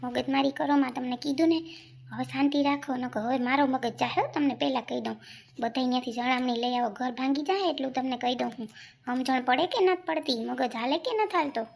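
A scolding, quick-tempered village wife, played by a woman in a comic sketch, speaking. Her voice sits high and carries a gravelly edge. She nags in rapid complaints. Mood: angry. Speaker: actor in a village comedy sketch.

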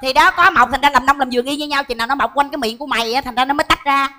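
An actress, who talks in rapid, teasing, exclamatory bursts. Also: female voice, high-pitched, very noisy, close to an everyday voice. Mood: scolding banter. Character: sharp-tongued bossy woman performer, quick to mock. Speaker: comedic lead. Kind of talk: stage comedy sketch.

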